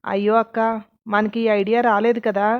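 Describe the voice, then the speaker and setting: A woman's voice: medium pitch, flat delivery, normal speed, dry recording, phone-quality sound, close to an everyday voice. Woman voicing Aadya, a cheeky teenage girl. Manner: teasing, chatty.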